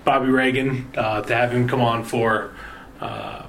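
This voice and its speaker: A man's voice: medium pitch, big pitch swings, gravelly, fairly bright tone, slight background noise, poor audio. A man hosting a casual sports podcast, tired and rambling, with lots of fillers and restarts. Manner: rambling, halting sign-off with many fillers. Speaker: podcast host.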